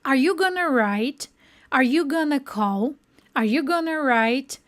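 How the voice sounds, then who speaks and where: High-voiced woman teaching English. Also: expressive. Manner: slows down to model English words, frequent "né" and "ó" checks. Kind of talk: online English lesson.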